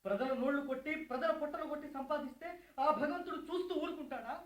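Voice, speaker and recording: A man's voice: extremely high pitch, quick pace, a bit bright, roomy sound. An actor playing a poor grieving man who accuses the rich and vows revenge, in a radio drama. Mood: bitter, accusing. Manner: impassioned, accusing outbursts.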